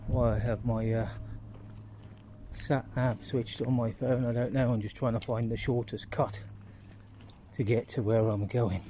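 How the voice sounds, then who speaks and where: A man's voice: medium pitch, fairly even intonation, a little slow, warm tone. A British man from the UK, out of breath, thinking aloud in a rambling, casual walking vlog recorded outdoors on a phone. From United Kingdom. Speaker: vlogger. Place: outdoors on a street. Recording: street traffic noise.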